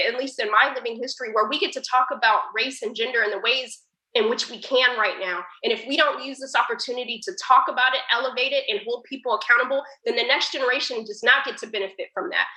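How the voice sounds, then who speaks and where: A woman's voice: fairly high pitch, a little fast, bright, forceful tone, echoey room, rough recording. A woman giving an earnest, emotional personal account as a guest speaker on a panel. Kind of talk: personal testimony in a panel talk.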